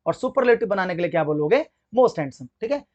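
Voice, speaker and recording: A man teaching English grammar for exam preparation, speaking Hindi with an accent from it, asking his class questions and answering them himself while he spells words out slowly. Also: high-pitched, expressive, darkish tone, lo-fi sound. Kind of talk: exam-prep grammar lesson.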